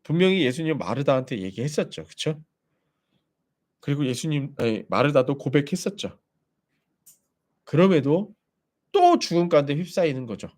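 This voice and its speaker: A man's voice: fairly high pitch, expressive, moderate pace, long pauses, darkish tone. A man preaching a sermon as pastor, animatedly acting out quoted voices.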